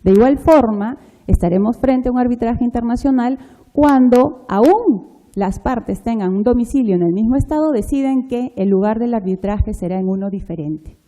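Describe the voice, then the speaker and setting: A woman moderating a formal conference panel, explaining things in a halting way. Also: fairly high pitch, warm tone, rough recording.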